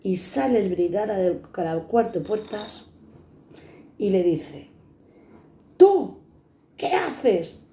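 A woman's voice: medium pitch, slow, mellow, a little hiss or hum. Fiery, sweary woman in her fifties. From Spain. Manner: blunt, fiery and sweary, acting out the people she quotes. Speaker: vlogger telling her life stories. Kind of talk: personal storytelling to camera. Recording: echoey room.

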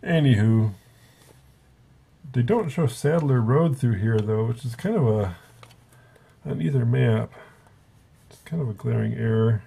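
Man, gravelly, husky, casual rambling book review, self-correcting. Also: medium pitch, measured pace, pauses often, mellow.

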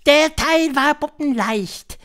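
A man reading an audiobook, voicing an imperious female witch leader who lectures in a shrill, drawn-out way. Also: fairly bright tone, heavily acted. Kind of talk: audiobook character voice.

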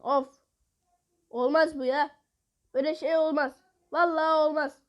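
A woman giving live gameplay commentary, excitable, bursting into exasperated outbursts and taunting opponents while talking to her viewers. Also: high voice, unhurried. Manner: addresses viewers directly. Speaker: mobile game player.

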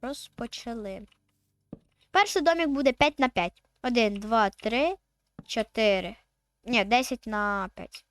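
A woman's voice: a little high, unhurried. A woman, chatting casually as she plays a video game and counts aloud while building. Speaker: gaming video host.

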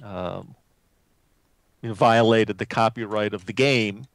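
A man's voice: lowish voice, unhurried, dry recording. A man co-hosting a book podcast, explaining news hesitantly with frequent restarts. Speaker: podcast co-host. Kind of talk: casual chat.

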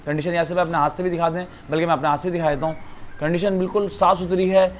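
High male voice, Pakistani accent, eager repetitive sales pitch, retailer, slight room noise. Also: fairly even intonation, racing. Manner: eager, repetitive teleshopping-style selling. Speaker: phone retailer presenting stock. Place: living room of a house, indoors. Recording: some background noise in a room.

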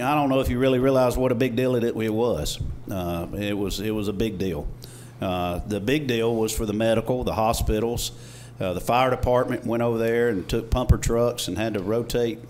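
A man's voice: lowish voice, a little mellow. A middle-aged man with a Southern US accent giving an informal, folksy thank-you speech at a podium microphone, with slightly off R sounds. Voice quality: trouble pronouncing R's. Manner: folksy, conversational. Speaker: mayor. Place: indoor council chamber. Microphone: podium gooseneck microphone. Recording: clear background noise, room ambience.

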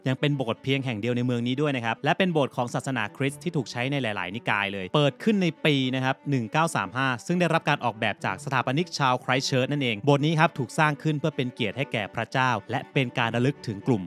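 A man from Thailand talks casually on a road trip, chatty and quick to correct himself. His voice sits at an ordinary pitch for a man. Loud background music plays under him throughout. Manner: chatty, self-correcting, exclaims at views. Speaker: travel vlogger. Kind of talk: casual on-the-go travel chat. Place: outdoors and indoors on a road trip.

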